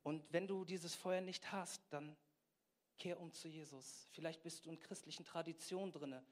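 A man preaching a sermon with passion, swinging between quiet intensity and loud exhortation, often putting questions straight to his listeners. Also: a little high, steady tone, normal speed. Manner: asks the audience direct questions.

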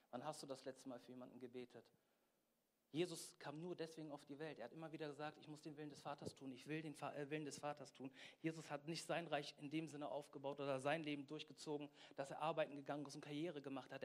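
A man preaching a sermon with passion, swinging between quiet intensity and loud exhortation, often putting questions straight to his listeners. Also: on the high side. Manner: asks the audience direct questions.

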